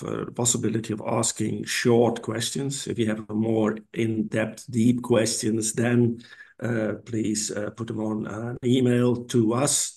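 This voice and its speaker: A man moderating a webinar over a video call, speaking haltingly with many fillers. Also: lowish voice, gravelly, a little mellow. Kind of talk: hosting a webinar.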